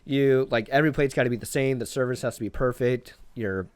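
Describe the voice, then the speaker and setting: A man's voice: mid-range voice, fairly quick, clear, resonant tone, no room sound. Young man, private chef, laid-back rambling talk, dry close mic. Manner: relaxed, rambling, lots of "like" and "um". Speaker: private chef, podcast guest. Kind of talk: casual interview chat.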